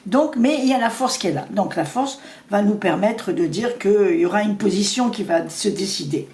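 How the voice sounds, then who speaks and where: A woman doing a casual tarot reading, talking fast and rambling with many restarts. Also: mid-range voice, lively intonation, darkish tone. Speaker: tarot reader. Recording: echoey room with faint noise.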